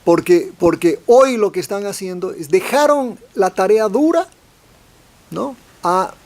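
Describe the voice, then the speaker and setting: Speaking at a measured pace in a high-pitched, expressive, slightly mellow voice, a male professor on a politics forum panel hesitates often. He repeats words, starts phrases over, and adds tag questions to his sentences.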